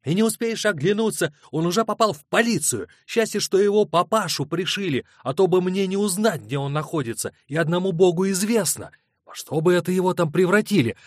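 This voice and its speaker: Guy doing a screechy dramatic woman, high pitched and loud, dry close audiobook sound. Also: brisk, dry recording. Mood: shrieking. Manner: shrieking, melodramatic outbursts. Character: shrill, hysterical middle-aged woman, theatrical and grasping.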